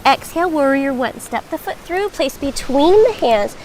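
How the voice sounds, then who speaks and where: Female yoga teacher, high voice, guiding a class with reassuring, measured instruction over light background noise. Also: lively intonation, darkish tone, low-quality recording. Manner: encouraging, reassuring, measured cueing.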